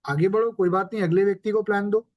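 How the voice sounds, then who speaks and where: A man with a fairly high voice teaches a sales training session. He explains points one at a time and keeps checking that his listeners follow. The sound is dry and close, with no room echo. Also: fairly even intonation, fast, highs cut off. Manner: explains step by step and checks in with the audience; mixes English terms into Hindi. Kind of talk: training lecture.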